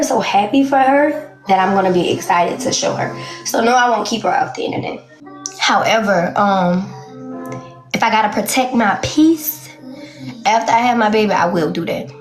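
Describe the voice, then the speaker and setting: A woman in her late twenties speaking bluntly and candidly in a casual interview, laughing often. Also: on the high side. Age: 20s. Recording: roomy echo.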